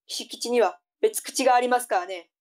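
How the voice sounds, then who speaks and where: Woman acting a strict, bossy mother, highish voice. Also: fairly quick, a little mellow, natural voice. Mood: scolding. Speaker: voice actor in a tongue-twister audio drama. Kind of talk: tongue-twister audio drama acting.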